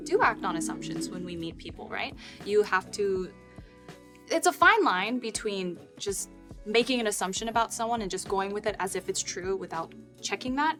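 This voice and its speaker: A woman co-hosting a casual conversation, thoughtful and animated, often acting out what other people say. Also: mid-range voice, fast, over music. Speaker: co-host. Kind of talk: casual chat.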